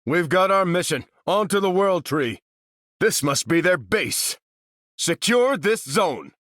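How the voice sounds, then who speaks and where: A man's voice: high voice, sing-song, slow, a bit bright, no echo, clean studio sound, heavily acted. An American man playing Captain America, a stalwart veteran soldier hero and earnest, commanding leader in a video game. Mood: rallying, urgent. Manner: earnest, commanding, military phrasing. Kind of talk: video game character voice lines.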